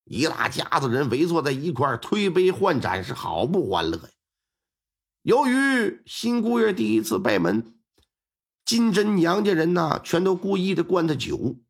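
A male storyteller performs a traditional crime tale with lively, swooping intonation. His voice sits a little high and has a gravelly, husky texture, and he delivers the story in a colloquial, chatty way. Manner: lively, colloquial, with drawn-out sentence-final particles.

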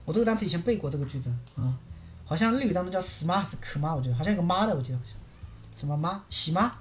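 Brief: woman language teacher on a livestream, quick and animated, keyboard typing nearby. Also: fairly low pitch. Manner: lively, asks many rhetorical checks.

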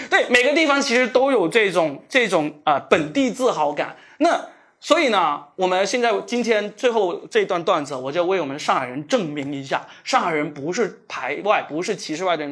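A man from Shenzhen with a Cantonese accent, doing live stand-up comedy with self-mocking, animated storytelling. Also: high voice. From Shenzhen, Guangdong.

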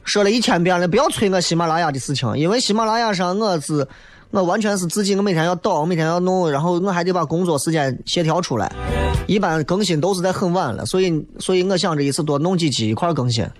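High-pitched man, blunt and chatty. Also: fast. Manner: blunt, teasing, colloquial. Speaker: host of an audio show. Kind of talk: casual chat answering listener messages. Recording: loud guitar music behind the voice. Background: guitar music.

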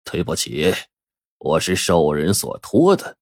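A storyteller voicing a grim dark-faced hired thug who speaks low and cold. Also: male voice, lively intonation, normal speed, no echo, studio quality. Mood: cold menace.

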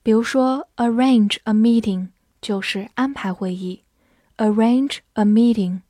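A young woman teaching English vocabulary, spelling words letter by letter and reading example sentences slowly. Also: a little high, warm tone, no room sound, clean studio sound. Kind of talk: vocabulary lesson.

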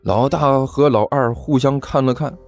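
A man narrating a comic novel as an audiobook in a lively storytelling manner. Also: medium pitch, moderate pace. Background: faint music.

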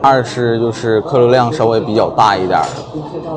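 A man's voice: medium pitch, expressive, normal speed. Male interviewee, small business owner, hesitant and conversational, with busy crowd noise around. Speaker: milk tea shop owner being interviewed. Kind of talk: casual interview answers. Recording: busy crowd chatter behind.

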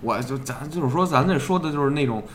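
一名带北京口音的男性播客主持人，随意闲聊，爱笑，常带粗口地复述经过。. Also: male voice, mid-range voice, expressive, quick pace, a little hiss or hum. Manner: laughs often, swears casually, retells stories. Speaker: podcast host. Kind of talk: casual chat.

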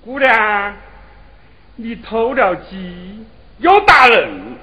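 A performer playing a stern older village elder in Chu opera, with a Hubei accent and slow, dryly teasing scolding. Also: mid-range voice, big pitch swings, pushed and bright, muffled recording, heavily acted. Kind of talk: Chu opera stage acting.

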